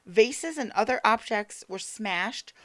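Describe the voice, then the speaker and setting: A woman's voice: medium pitch, animated, takes it slowly, a bit bright. A woman co-hosting a podcast, casually retelling a haunted-house history, tripping over names and swearing offhandedly. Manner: stumbles over names and words, laughs at herself. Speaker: podcast co-host telling the story. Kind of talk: casual storytelling chat.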